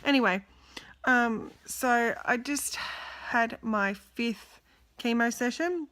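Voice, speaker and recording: A woman's voice: on the high side, takes it slowly, fairly bright tone. A young adult woman, talking candidly and tiredly in a casual video diary, exhausted and emotional. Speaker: vlogger.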